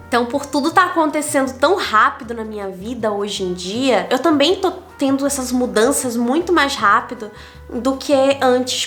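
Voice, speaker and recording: With a fairly bright voice on the high side, this digital nomad vlogger is a young Brazilian woman whose Brazilian Portuguese accent comes through. She talks candidly and reflectively to her vlog audience, listing lessons by number.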